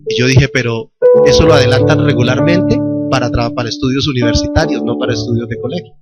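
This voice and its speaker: In a church hall, a male pastor with a Colombian Spanish accent preaches, telling a personal testimony with quoted dialogue before building to fervent call-and-response questions to the congregation. He speaks quickly at medium pitch. The lo-fi church recording has loud worship music.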